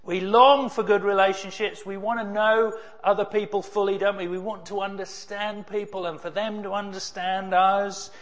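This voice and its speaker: A man's voice: high-pitched, little pitch movement, moderate pace, few pauses, fairly bright tone. A man preaching a sermon in a conversational way, with rhetorical questions and wry humor. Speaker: pastor.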